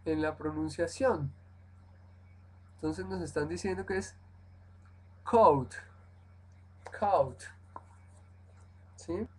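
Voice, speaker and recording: A woman's voice: deep voice, steady tone, darkish tone, breathy edge, poor audio. A woman teaching an English lesson over a live stream. She explains step by step, repeats example words carefully, and keeps checking that her students follow. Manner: models English words slowly and repeats them.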